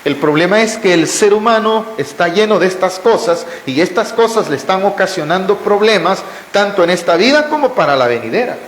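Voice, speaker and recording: A man's voice: high voice, animated, brisk, hardly any pauses. A man preaching at a church Bible study, asking the congregation rhetorical questions and answering them himself, calling them brother and praising God between points. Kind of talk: sermon-style Bible teaching. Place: church hall, indoors. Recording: echoey church hall with long reverb.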